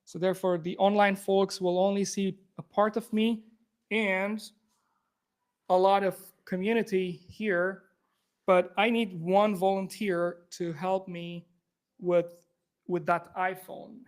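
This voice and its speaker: Speaking into a handheld or clip mic, an Afghan software engineer gives a casual live tech demo to people in the room. His voice sits high and smooth with a level tone, and he talks quickly with many restarts.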